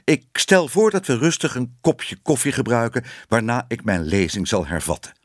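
A man's voice: mid-range voice, sing-song, normal speed, no room sound, studio quality. A man doing a pompous, formal lecturer. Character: Mr Smit, pompous lecturing gentleman.

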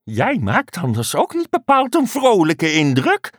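A woman's voice: fairly low pitch, huge pitch swings, a little slow, no echo, studio quality, voice pushed up, full character voice. A woman voicing a cheerful male frog in a children's story, squealing and exuberant. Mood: curious. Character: overjoyed cheerful male frog, always happy. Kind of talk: storybook character voice.

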